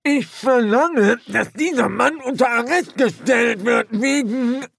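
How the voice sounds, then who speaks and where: A man putting on a shrill, spiteful corporal whose voice cracks up high into a gravelly screech. His tone is sharp and piercing, and the sound is dry and close. A petty storybook officer full of bile. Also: slow pace, dry recording, exaggerated voice. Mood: shrieking. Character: spiteful shrieking male corporal.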